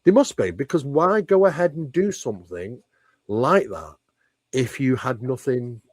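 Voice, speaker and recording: This paranormal researcher, speaking as an interview guest, explains paranormal ideas at length in a conversational, emphatic way, often with rhetorical questions. He has a medium-pitched, expressive, slightly mellow voice and speaks a little slowly. The recording is studio quality with no echo.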